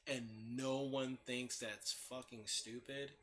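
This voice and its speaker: A man's voice: mid-range voice, level tone, takes it slowly, bright, forceful tone, slight background noise. A man ranting casually and bluntly about politics, swearing constantly and restarting his sentences. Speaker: host ranting on his own channel. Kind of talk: casual profane rant.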